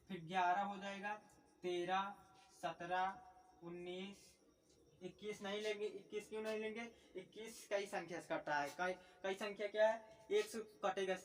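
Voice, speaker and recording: High-voiced man teaching maths, distant mic. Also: fairly bright tone. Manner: repetitive, asks and answers his own questions; slow dictation while writing definitions. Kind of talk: classroom maths lesson.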